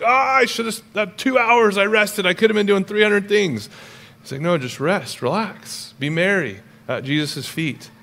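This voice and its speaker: A middle-aged male pastor preaching a sermon in a lively, conversational way with humorous asides. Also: fairly high pitch.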